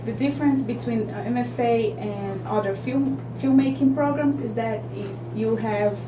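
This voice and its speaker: A young woman answers interview questions in a slightly high voice, thoughtful and halting, often restarting her sentences. She sits well back from the mic in an echoey room. A steady hum and noise run underneath. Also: distant mic. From Brazil. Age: young adult. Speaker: filmmaker guest.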